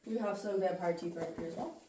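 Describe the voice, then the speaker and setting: Woman, echoing cave guide, informal explanatory commentary, mellow tone, faint noise. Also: lowish voice, fast talker. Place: inside a cave.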